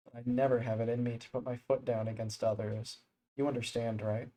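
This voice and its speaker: Guy reading out a soft apologetic schoolgirl club president, gentle and even. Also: mid-range voice, a little fast, natural voice, poor audio. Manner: gentle, apologetic, read aloud from screen.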